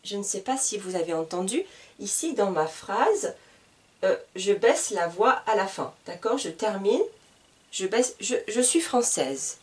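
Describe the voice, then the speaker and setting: Woman from France, language teacher, very slow deliberate delivery, sing-song pitch, a bit distant from the mic. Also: lively intonation, a little mellow. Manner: spells out each word, repeats example questions. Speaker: French teacher.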